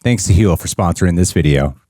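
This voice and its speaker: A man's voice: sits low, fairly quick, mellow, no echo. A man hosting a reaction video, talking casually with dry, wry asides. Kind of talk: casual commentary and sponsor read.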